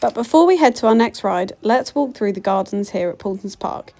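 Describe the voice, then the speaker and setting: A woman's voice: medium pitch, animated, fairly quick. A woman co-hosting a theme park vlog, presenting casually to viewers. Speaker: vlog co-host. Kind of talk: vlog narration and casual chat. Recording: music and loud crowd behind. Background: music, busy crowd.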